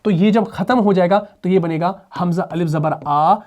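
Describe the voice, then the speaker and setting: Male recitation teacher, lesson delivery, answers his own questions, drills sounds slowly. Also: high voice, a little mellow, muffled recording. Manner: asks rhetorical questions and answers them; drills sounds by slow repetition. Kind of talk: explanatory tajweed lesson.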